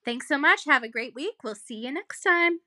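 A woman co-hosting a podcast with a sick voice, telling stories in an animated way and laughing often. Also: sits high, moderate pace, no room sound. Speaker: podcast co-host. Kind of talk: casual podcast chat.

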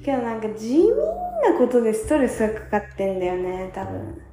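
A tired young woman in her twenties chatting casually on her own, self-mocking and acting out quotes in a higher voice. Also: expressive, fairly quick, echoey room. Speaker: vlogger. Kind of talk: casual solo chat. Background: soft guitar music.

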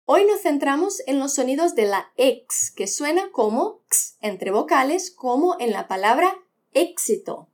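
A woman teaching a podcast language lesson, modelling words slowly and patiently for the listener to repeat. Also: high-pitched, sing-song. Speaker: Spanish teacher.

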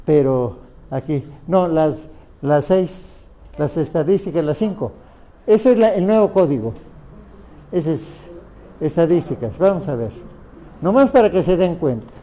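A man's voice: on the high side, expressive, a little slow, mellow. A man with a Mexican Spanish accent giving a lecture on family law, asking the audience rhetorical questions.

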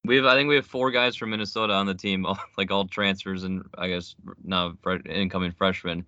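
A young adult man talking basketball on a radio chat, quick and matter-of-fact. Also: low-pitched, fairly even intonation, pushed and bright, no room sound. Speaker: guest. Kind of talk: casual sports radio chat. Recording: muffled lo-fi audio.

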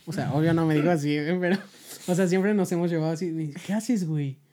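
A woman's voice: sits low, steady tone, fast talker, warm tone, a little hiss or hum. A young woman with a Mexican accent, telling a funny story in slangy casual chat on a podcast and laughing often. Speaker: podcast host.

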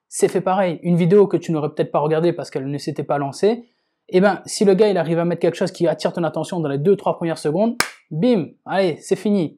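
Podcast host, casual self-help monologue, warm dark tone, repeats words for emphasis. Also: medium pitch, breathy edge. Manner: informal, talks directly to the listener, repeats words for emphasis.

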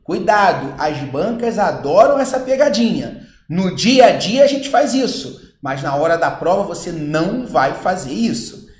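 A man with a Brazilian Portuguese accent teaching logic to exam candidates, lively and acting out students' questions. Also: high-pitched, a little slow, reverberant. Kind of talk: logic lesson with on-screen board.

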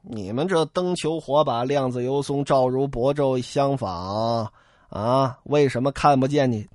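A man's voice: mid-range voice, unhurried, darkish tone, no room sound, clean studio sound, pitched below the performer's own voice, close to an everyday voice. A male storyteller voicing a greedy, sly boatman who taunts his pursuers. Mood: mocking. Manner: sneering, taunting. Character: sly greedy river boatman, gruff ruffian.

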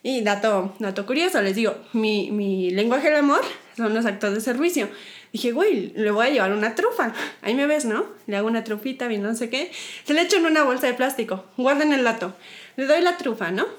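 A young Mexican woman telling a dating story in a casual podcast chat, animated and giggly, acting out her own lines. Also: on the high side, a little fast. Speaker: podcast co-host.

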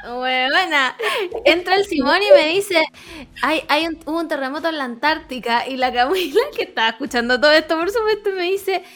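A woman's voice: high voice, lively intonation, fairly quick, a bit bright. A young woman with a Chilean accent, co-hosting a casual chat and telling a story with lots of slang and laughter. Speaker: podcast co-host. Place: home room.

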